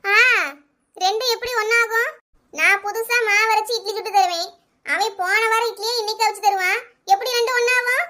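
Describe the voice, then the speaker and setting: A woman's voice: steady tone, bright, forceful tone. A woman playing a village housewife who argues back at her husband about her cooking in a comic skit. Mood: indignant. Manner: shrill, quick, arguing back.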